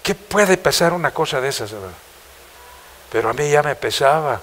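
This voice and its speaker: A man's voice: a little high, lively intonation, normal speed, fairly bright tone. A man with a Mexican accent preaching a passionate church sermon, firing rhetorical questions at the congregation. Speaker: pastor.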